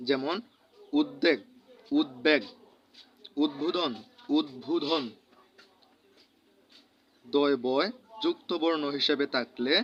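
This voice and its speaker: A man with a Bangladeshi Bengali accent teaching a grammar lesson, saying each example word slowly and repeating it. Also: fairly high pitch. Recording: dull lo-fi recording.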